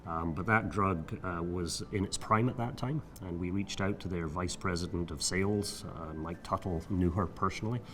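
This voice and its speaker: A middle-aged Scottish physician recalling his career in a measured, reflective way, with frequent filler sounds. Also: low voice, a bit bright, slight background noise. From Scotland. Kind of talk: recorded oral-history monologue.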